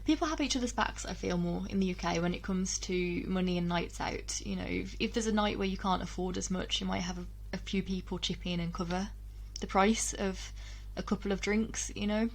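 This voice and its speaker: A young woman from England, speaking at a middling pitch, talks to her camera in a chatty, personal, relaxed style. She frequently says um, restarts what she's saying and laughs between thoughts.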